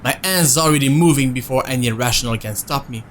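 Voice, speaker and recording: Male streamer, mid pitch, reading game text, chatty asides. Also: a little fast, fairly bright tone, a little hiss or hum. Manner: reads narration, breaks off to answer chat. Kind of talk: reading a visual novel aloud with casual chat.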